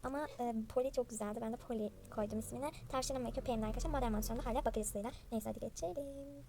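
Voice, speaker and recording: A woman's voice: on the high side, rapid-fire, darkish tone, slight background noise. A young woman playfully narrating a dollhouse game and voicing all the characters herself. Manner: voices several characters by herself, chatty. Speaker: channel host playing a dollhouse game.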